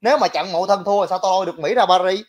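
Male livestream commentator, high voice, blunt and scornful. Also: fast talker. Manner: blunt, mocking, talks to viewers directly. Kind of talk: casual political commentary.

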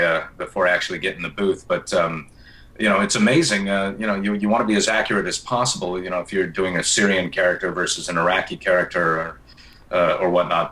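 A man who narrates audiobooks, chatting as a guest in a relaxed way with many fillers and restarts. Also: low voice, far from the mic, poor audio. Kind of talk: casual interview chat.

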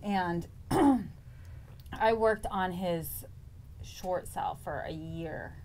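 A woman's voice: lowish voice, drawn-out words, darkish tone, a little hiss or hum. A woman, a real estate agent, telling an earnest story on a studio panel show.

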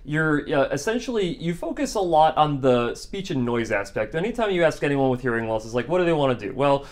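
A man's voice: fairly high pitch, big pitch swings, brisk. A man in his thirties hosting an interview, asking questions in a loose, conversational way. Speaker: host audiologist. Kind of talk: casual interview chat. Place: dim studio set, seated in armchair.

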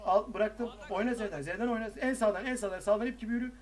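A young man with a very high voice calls the shots for his party, hammering the same short orders again and again. He swears freely and keeps cracking up with laughter between commands, talking into a headset. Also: fast. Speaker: raid commander in an online game. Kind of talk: shouting commands over game voice chat.

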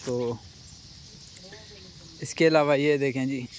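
Speaking slowly in a steady, mid-range voice, a young man from Pakistan leads viewers on a relaxed tour of a rural cattle farm outdoors, asking the workers questions along the way. A little hiss or hum is audible.

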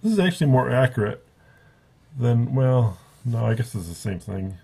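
A man's voice: medium pitch, very animated, normal speed, vocal fry, warm tone, slightly rough. A man giving a casual, rambling spoken review at a table, often correcting himself as he goes. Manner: rambling, self-correcting, offhand. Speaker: book reviewer.

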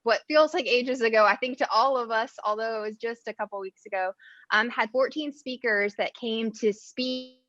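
A woman speaks over a conference call, her voice muffled and dry with no room around it. She addresses a city council in an earnest, measured way, laying out her points and then asking pointed questions. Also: on the high side, a bit bright, no echo. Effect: heard over a conference call. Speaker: environmental advocate giving public comment. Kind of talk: prepared public comment to a city council. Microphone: video call.

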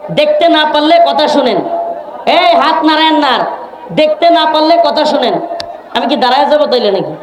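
A man preaching to a large gathering from a stage, scolding and pleading with the crowd to settle and chanting scripture. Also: very high-pitched. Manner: scolding and pleading with a noisy crowd, stern warnings; chants scripture slowly in a sung tone. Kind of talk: outdoor religious sermon to a crowd. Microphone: microphone through loudspeakers. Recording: echoey PA with crowd noise.

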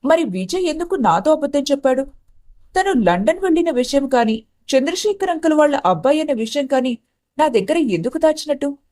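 A woman voicing a scheming young elder sister in an animated story, who talks in a tense, accusing way. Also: high voice, brisk.

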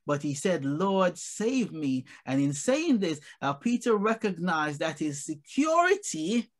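A male pastor preaching a sermon, hesitating often with repeated words and building to shouted emphasis on key phrases. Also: a little high, very animated, unhurried. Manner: repeats a refrain over and over.

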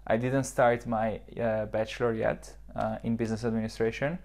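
A young man from southern Switzerland, in his twenties and running a startup, speaks at normal speed in a low-ish, darkish, level voice. Interviewed for a podcast in a modern indoor office lounge and recorded on a lapel mic, he answers reflectively, with many fillers and restarts.

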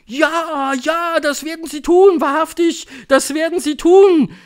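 A man's voice: very high-pitched, slow pace, voice pushed up, heavily acted. Man doing a shrieking crowd of fawning witches. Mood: fawning, eager. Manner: shrieking, eager, flattering. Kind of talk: audiobook reading.

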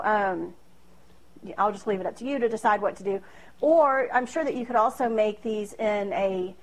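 A home cooking video host in her thirties, with a medium-pitched voice, casually demonstrates a recipe in her small kitchen, recorded with poor audio by a camera across the room. She's chatty and self-deprecating, laughing often and leaning on fillers.

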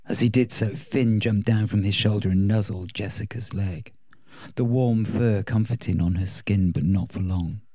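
Man, audiobook narrator, low voice, husky, measured. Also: fairly even intonation, dark tone.

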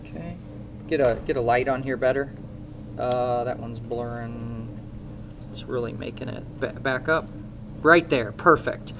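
This thirty-something instructor with a Midwestern American accent demonstrates motorcycle repair hands-on, coaching and questioning his students along the way. His voice is mid-range and a little slow, with background noise behind it.

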